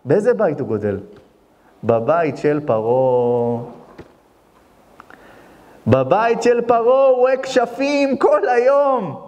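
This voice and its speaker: A man preaching as a rabbi in a very high, lively voice that climbs and drops sharply. He throws out rhetorical questions and answers them himself. His voice swings from loud to hushed, and long reverb from a hall trails each phrase. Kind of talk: impassioned sermon.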